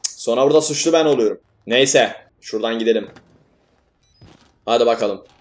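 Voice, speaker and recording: A man's voice: medium pitch, a little fast. A young man commentating a horror game as he plays, swearing and yelping at scares, then laughing them off. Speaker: gaming YouTuber.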